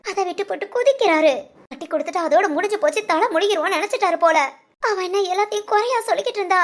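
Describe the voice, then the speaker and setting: A performer voicing a worried middle-aged mother in a cartoon, lamenting softly over her daughter. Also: very high voice, rapid-fire. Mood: sorrowful. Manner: sorrowful, lamenting. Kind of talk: cartoon family drama voice acting.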